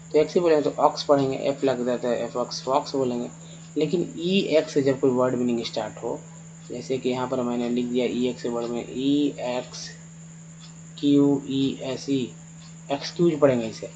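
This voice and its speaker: A man's voice: medium pitch, dark tone, slight background noise, rough recording. Patient man spelling words letter by letter. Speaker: English teacher. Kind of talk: spoken lesson over slides.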